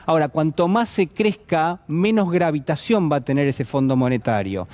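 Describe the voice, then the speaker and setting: A man's voice: on the high side, normal speed, a little mellow. A man giving a televised political commentary, speaking to the viewer directly and posing rhetorical questions. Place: television studio.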